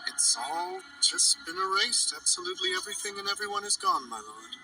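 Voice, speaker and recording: A polite, unhurried divine attendant in an anime dub, speaking high and with a lot of lilt. The clip plays with clear music behind it and sounds a little far off. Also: male voice, huge pitch swings, heavily acted. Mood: calm.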